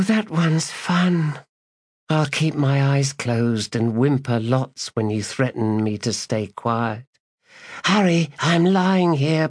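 A man voicing a playful noblewoman in bed with a husky, whispering voice. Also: a little high, no room sound, studio quality, voice pushed up.

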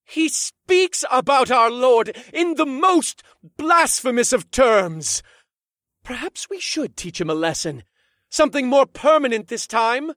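A man voicing an arrogant, scornful male warrior made of stone, booming and pompous, for an audiobook. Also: animated, unhurried, fairly bright tone, dry recording, studio quality, full character voice.

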